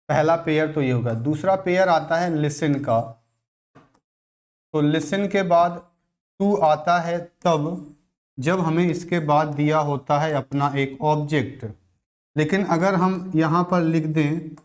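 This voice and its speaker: A male teacher giving a grammar lesson for exam prep, restating each rule slowly and repeating himself. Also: fairly high pitch, a little mellow. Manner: slow, repetitive explaining, restating each rule.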